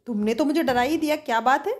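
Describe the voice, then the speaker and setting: A woman's voice: high voice, quick pace, voice pushed up, natural voice. Woman voicing an eager friendly girl. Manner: friendly, pressing. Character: kind, insistent hostess girl Mimi.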